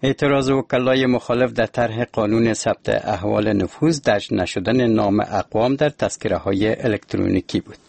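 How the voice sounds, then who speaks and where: A man reading the radio news in a steady, formal way. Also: fairly low pitch, creaky, hardly any pauses, a little hiss or hum. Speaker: newsreader. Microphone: studio mic.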